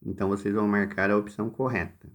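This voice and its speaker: A man with a Brazilian Portuguese accent and a lowish voice with little pitch movement teaches a recorded lesson. He explains workbook exercises slowly and step by step, addressing his students directly.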